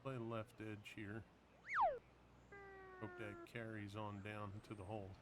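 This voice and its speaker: Male game streamer, slow pace, muttered casual remarks, very loud background noise, clicks. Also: on the low side, flat delivery. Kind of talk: casual gameplay chat. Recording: very noisy, with clicks.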